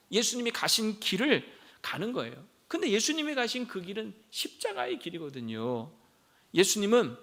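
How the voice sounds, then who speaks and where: A man's voice: sits high, a bit bright. A middle-aged male pastor preaching a Sunday sermon, often talking straight to the congregation and asking them rhetorical questions he then answers. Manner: addresses listeners directly and often; leads a group Bible reading. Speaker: senior pastor.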